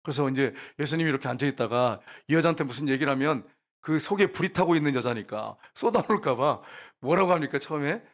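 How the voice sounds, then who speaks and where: A man's voice: on the high side, expressive, quick pace. A man preaching a sermon as pastor, putting rhetorical questions to the congregation.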